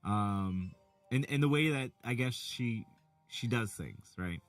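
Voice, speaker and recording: A middle-aged man chatting casually while reading out chat, rambling and animated with many restarts. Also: medium pitch, slow pace, distant mic. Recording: from the mic, faint music behind.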